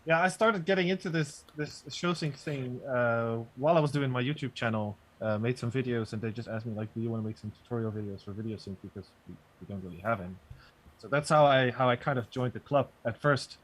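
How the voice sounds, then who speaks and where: A man guesting on a webcast over a video call, explaining and demoing software in a relaxed, hesitant way with many fillers. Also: medium pitch, fairly quick. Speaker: guest software developer and producer. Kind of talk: casual explanation and demo. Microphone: video call, sits back from mic.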